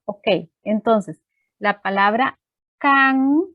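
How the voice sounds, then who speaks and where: A woman's voice: a little high, measured pace, no echo, highs cut off. A woman teacher giving a lesson on a video call, explaining step by step with frequent fillers. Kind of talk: online class lesson. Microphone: computer microphone on a video call.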